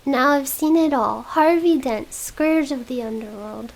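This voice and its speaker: A woman's voice: high-pitched, measured pace, gravelly, poor audio. A woman whispering the part of an earnest, wry young male prosecutor in a whispered role-play reading.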